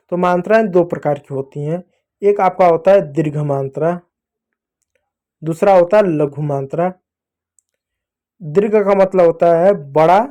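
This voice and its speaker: A man teaching young pupils to read, patiently sounding out each letter slowly and repeating it for them to copy. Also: high-pitched, dark tone. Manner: slow, drawn-out sounding of letters. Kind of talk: explaining to children.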